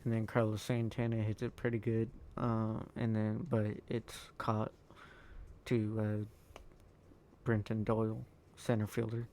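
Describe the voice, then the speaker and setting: A man recording a tired, halting voice-over over his own sports video game footage, full of ums and uhs. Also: completely flat delivery, mellow, slight background noise. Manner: low-key, halting, lots of ums and uhs. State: tired, yawning. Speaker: gaming YouTuber.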